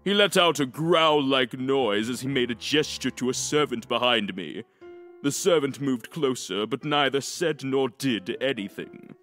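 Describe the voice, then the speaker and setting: A man narrating a first-person fan audiobook, expressive, with smug asides. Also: medium pitch, unhurried, soft background music. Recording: long echoey reverb.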